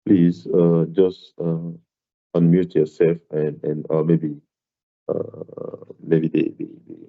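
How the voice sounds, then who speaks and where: Delivering an online maths lecture in a flat way, a man with a very deep voice and a non-native, non-South African accent speaks haltingly, repeating words and filling pauses. His video-call computer mic makes everything sound muffled and dull.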